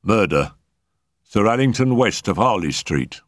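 A man voicing a brisk, commanding male police inspector who gives curt orders. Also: on the low side, animated, dry recording, studio quality, voice pushed up. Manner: brusque, commanding.

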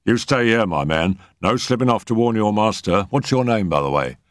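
A man voicing a brisk, commanding male police inspector who gives curt orders. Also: fairly low pitch, animated, dry recording, studio quality, pitched above the performer's own voice, lightly acted. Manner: brusque, commanding.

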